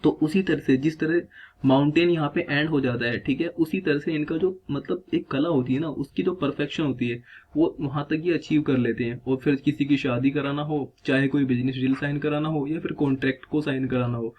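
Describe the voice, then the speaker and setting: This man's voice is on the high side and slightly rough, with fairly even intonation, a somewhat fast delivery, and lo-fi sound quality. He explains vocabulary word by word in Hindi peppered with English terms, repeating "theek hai" and questioning himself as he goes.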